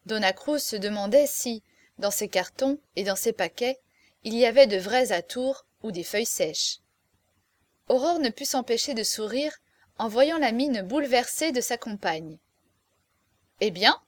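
A woman reading a classic novel aloud as narrator, in a measured, expressive storytelling manner. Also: on the high side, dry recording. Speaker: audiobook narrator.

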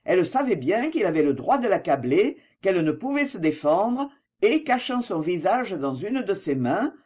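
Expressive woman narrating a novel. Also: mid-range voice, normal speed. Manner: expressive, dramatic reading. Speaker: audiobook narrator.

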